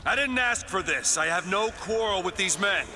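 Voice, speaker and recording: A man's voice: high voice, animated. An actor voicing a weary male soldier hero who sounds defensive and reluctant in a video game. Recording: loud noise, hall reverb.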